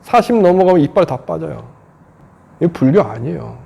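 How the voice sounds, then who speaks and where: A man's voice: on the high side, expressive, moderate pace, creaky, dark tone, husky. A man in his fifties, a Buddhist monk, giving an earnest, conversational dharma talk full of rhetorical questions. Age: 50s.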